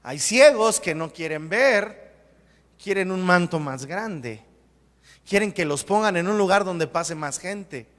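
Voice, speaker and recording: A man preaching a sermon as pastor, emphatic and repetitive, with sudden loud bursts. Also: high-pitched, expressive, slow. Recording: long hall reverb.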